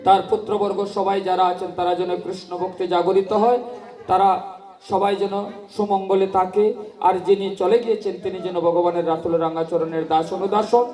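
A man giving a devotional storytelling sermon at a memorial gathering, slow and sing-song, rising in fervor. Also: high-pitched, dark tone. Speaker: kirtan preacher. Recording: echoey hall, mic from a distance.

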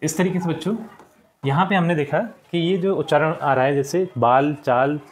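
With slight noise in the background, a man speaking a little high at normal speed takes young pupils through textbook answers. He's patient, repeats answers, and drops "theek hai" frequently.

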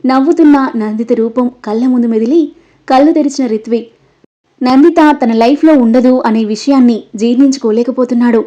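High-voiced woman storyteller. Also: a little fast, dark tone. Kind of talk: storybook narration. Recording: dull lo-fi recording.

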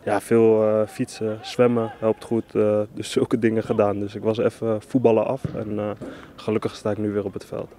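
A man's voice: fairly low pitch, flat delivery, moderate pace, hardly any pauses, dark tone. A young man, a footballer, answering interview questions hesitantly with many fillers.

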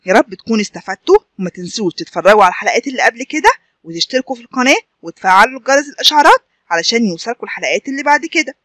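A man with an Egyptian Arabic accent teaching children to read, drawing out syllables slowly and repeating each word for the pupils to say after him. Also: very high-pitched, animated, pushed and bright. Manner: slow drawn-out syllables, repeats words for pupils to echo. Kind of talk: children's reading lesson.

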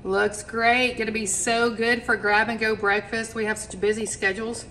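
A woman's voice: fairly high pitch, level tone, normal speed, pushed and bright, a little hiss or hum, poor audio. A woman giving chatty step-by-step cooking instructions in her home kitchen, talking straight to her viewers. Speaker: home cooking channel host. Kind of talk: casual cooking demonstration.

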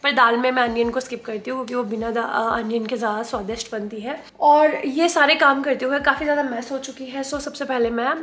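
High-voiced chatty woman in echoey kitchen. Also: steady tone, brisk, hardly any pauses, a bit bright. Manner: chatty, mixing in English words. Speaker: cooking vlogger. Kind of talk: casual cooking vlog chat. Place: home kitchen, indoors. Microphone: camera across the kitchen.

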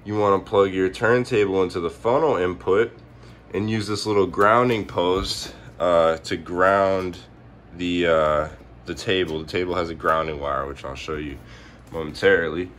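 A man's voice: sits low, fairly even intonation, normal speed, fairly bright tone. A hungover man giving a casual, off-the-cuff how-to at home in a laid-back, rambling, slangy way. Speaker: presenter of a home stereo tutorial. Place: indoors at home, behind the camera. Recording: noticeable background noise, handheld home video.

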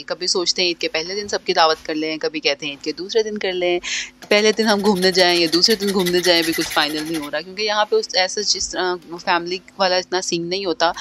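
A woman's voice: lowish voice, background noise. A young woman, narrating her home cleaning vlog in a chatty voice-over that slips between languages. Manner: chatty, mixes in English phrases, many fillers. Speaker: vlogger and homemaker. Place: home, living in London.

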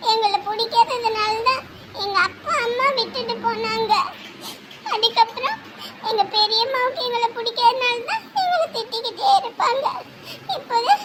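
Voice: very high voice, full character voice. A woman doing a tearful little girl. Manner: small, tearful, hesitant. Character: sad little girl who feels unwanted. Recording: loud background noise.

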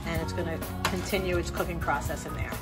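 A middle-aged woman with a lowish voice talks fast and keeps her intonation fairly even as she walks through a recipe step by step. She's a cooking show host giving a casual demonstration indoors in a home kitchen, with music and the sizzle of frying behind her.

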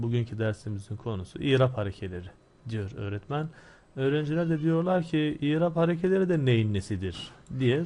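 Teaching an Arabic grammar lesson, a man with a medium-pitched, darkish voice works through it step by step and answers the questions he poses. Arabic phrases come slowly, but his explanations move fast.

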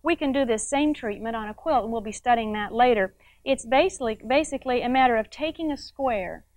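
A woman's voice: on the high side, no echo, rough recording. A middle-aged woman hosting a quilting show, demonstrating step by step in a chatty way with frequent tag questions to the viewer. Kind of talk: instructional TV demonstration.

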